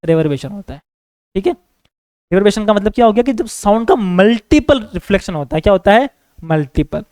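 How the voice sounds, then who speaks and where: High-voiced Hindi-speaking man teaching. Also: lively intonation, a little mellow, dry recording. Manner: repetitive, asks students questions; reads English definitions slowly. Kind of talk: classroom lecture.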